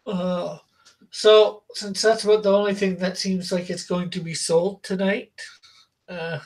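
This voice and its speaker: A man hosting a casual livestream, talking in a halting, unpolished way. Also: sits high, level tone, darkish tone, distant mic. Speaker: host of an online comics art auction.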